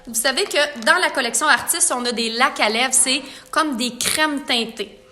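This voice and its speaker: A woman's voice: high voice, normal speed, bright, forceful tone. A woman, a makeup artist chatting through a tutorial and explaining products to viewers.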